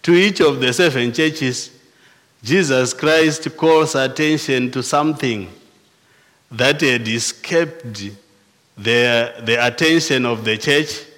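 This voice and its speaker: A male pastor with a Zimbabwean accent delivers a sermon at an unhurried, measured pace. He often restarts and repeats words mid-phrase. His voice carries a long reverb, as in a church hall. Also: medium pitch, a bit bright. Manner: slow and deliberate, with frequent restarts and repeated words.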